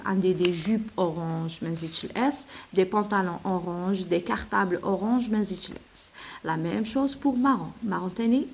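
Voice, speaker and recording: A woman teacher with an Algerian Arabic accent, explaining a French exam to pupils, switching between Arabic and French and slowly dictating French sentences. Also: mid-range voice, slight background noise. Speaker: primary school teacher.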